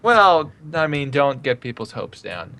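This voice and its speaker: Animated higher-voiced male host. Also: a little slow. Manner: upbeat, plugs giveaways and streams. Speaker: podcast co-host. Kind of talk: casual live-stream chat.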